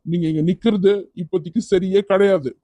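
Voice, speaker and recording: Voice actor playing a caring young cartoon guy, firm yet soothing, mellow tone, dry close sound. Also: medium pitch, fairly even intonation, a little fast, no room sound, muffled recording, lightly acted. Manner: firm yet gentle, coaxing. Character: kind, persistent young man rescuer. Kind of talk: cartoon voice acting.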